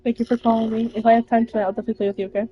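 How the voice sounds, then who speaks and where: A woman's voice: on the high side, flat delivery, very fast, muffled recording. A woman giving casual, swearing commentary while streaming a game.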